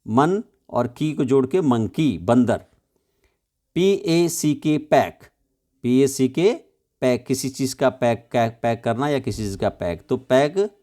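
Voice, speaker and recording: A male teacher gives an English lesson to young children, explaining in Hindi. He talks slowly and patiently, spelling each word letter by letter. His voice sits at an ordinary middle pitch. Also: a little mellow. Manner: slow, patient explaining with frequent check questions.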